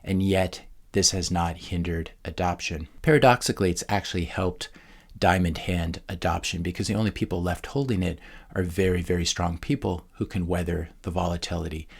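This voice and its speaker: Man, very deep voice, husky tone, calm explainer, teaching monologue. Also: a little fast. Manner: steady, explanatory, with occasional fillers. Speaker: channel host and teacher. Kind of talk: educational monologue.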